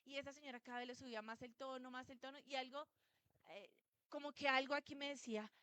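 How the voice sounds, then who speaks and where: Bright, clear-voiced woman preaching. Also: high voice, steady tone, quick pace, no echo. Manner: storytelling, asks the congregation questions. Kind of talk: sermon. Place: church.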